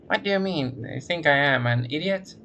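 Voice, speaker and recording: A man's voice: fairly high pitch, expressive, moderate pace, bright, forceful tone, a little hiss or hum, voice pushed up. A man voicing a nasal, heavy-smoking woman who talks in a curt, businesslike way over a game line. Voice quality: nasal, sing-song then businesslike.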